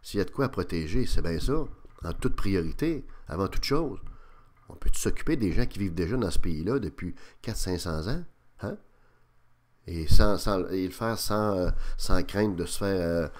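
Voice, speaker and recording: A man with a Quebec French accent speaks in a very deep, low-pitched voice. He delivers a radio opinion piece in a halting way, filling pauses with hesitations and restarting phrases, then pressing his points with more force. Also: lively intonation, a little mellow. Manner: hesitant, many fillers and restarts, grows emphatic. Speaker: radio commentator.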